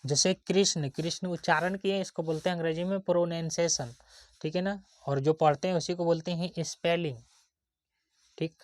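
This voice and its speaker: This woman teacher runs a classroom-style spelling lesson, breaking words into individual letters and quizzing pupils to confirm they're following. Her voice is on the low side and darkish, steady in tone at a moderate pace. No echo is present.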